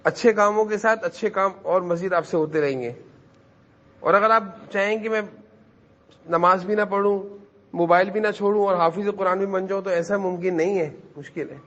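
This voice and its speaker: A man's voice: sits high, fairly even intonation, fairly bright tone, lo-fi sound. A man teaching a class of children in a madrasa, who repeats his points and keeps quizzing the kids to answer. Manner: repetitive, questions the children and urges them to answer.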